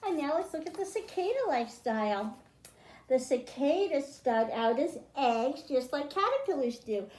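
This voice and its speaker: This woman hosts a children's storytime that mixes a read-aloud with a science lesson, talking to small kids in simple terms and quizzing them along the way. Her voice is higher-pitched yet darkish in tone. The room echoes noticeably.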